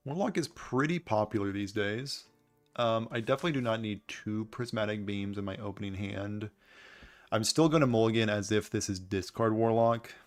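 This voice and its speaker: A man giving casual gameplay commentary as host, with a dry, wry, understated way of talking. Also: lowish voice. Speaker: gaming video host.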